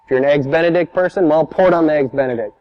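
A man's voice: fairly high pitch, very fast, muffled recording. A man preaching a sermon as a pastor, telling stories in a conversational, emphatic way.

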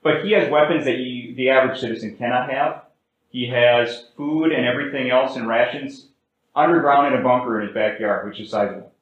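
A man preaching a sermon as pastor, with big swings in pitch and volume and slow, drawn-out words for emphasis. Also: very echoey, lo-fi sound. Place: church sanctuary.

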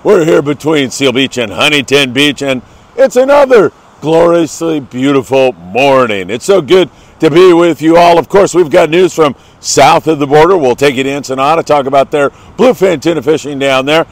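A man's voice: a little high, expressive, moderate pace, no echo. A man with a lingering cold hosting an upbeat morning fishing briefing, talking to viewers in an effusive, folksy way. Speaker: host of a fishing report show. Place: outdoors by the coast in the morning.

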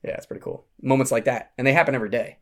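A man guest on a podcast telling rambling, animated stories from his work as a summer camp counselor. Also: mid-range voice, racing. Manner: rambling, animated storyteller with restarts. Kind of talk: casual anecdotal storytelling.

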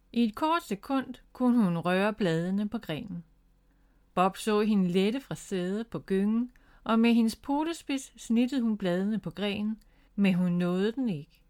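A woman's voice: mid-range voice, a little mellow, smooth. Danish woman reading a kids' story. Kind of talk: reading a children's book aloud.

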